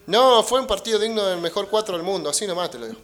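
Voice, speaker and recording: A man with a high voice and an Argentine accent hosts a casual radio talk show. He speaks bluntly and emphatically, with plenty of slang. Faint music plays behind him. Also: lively intonation, fast talker, fairly bright tone. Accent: Argentine Spanish.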